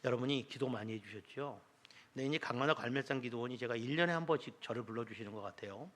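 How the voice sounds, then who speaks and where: A man's voice: medium pitch, fast talker, a bit bright. A middle-aged man preaching a Sunday sermon as pastor, telling a story and acting out its dialogue. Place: church sanctuary.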